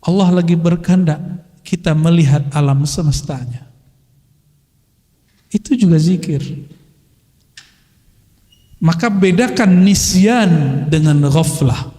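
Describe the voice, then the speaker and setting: Middle-aged guy giving a chatty sermon w arabic quotes, soft warm tone, big echoey hall. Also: a little high, takes it slowly, pauses often. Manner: casual conversational preaching, mixing Arabic phrases and quotes. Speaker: preacher. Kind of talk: religious study talk to a congregation. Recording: long hall reverb.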